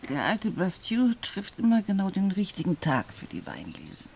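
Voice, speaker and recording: An actress in a naturalistic radio drama plays an older widow, a stern but loving adoptive mother, dry and firm, with a firm, tender mood. Her medium-pitched voice has huge pitch swings, vocal fry and a darkish tone at a moderate pace. A little hiss or hum is audible.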